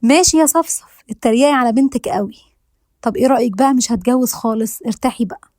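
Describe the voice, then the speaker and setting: A woman voicing a lively, quick-tongued young woman who jokes with a playful bite, speaking with an Egyptian accent. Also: on the high side, no room sound, studio quality, lightly acted. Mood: mock-annoyed. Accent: Egyptian Arabic. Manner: teasing, playful banter.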